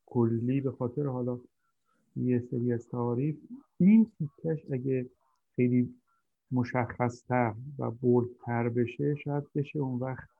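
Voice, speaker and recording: A man's voice: medium pitch, steady tone, gravelly, dry recording. A man hosting a conversational discussion, talking hesitantly as he searches for his words. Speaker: host. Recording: dry tinny phone-like line.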